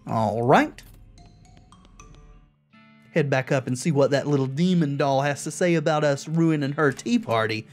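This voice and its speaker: A woman's voice: low-pitched, animated, measured pace, long pauses, darkish tone, faint music behind. A woman playing a video game, reading its text aloud and adding casual commentary of her own. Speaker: video game player and narrator.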